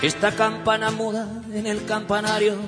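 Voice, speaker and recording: A man's voice: high-pitched, completely flat delivery, normal speed. A man singing a song. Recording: long reverb with guitar music.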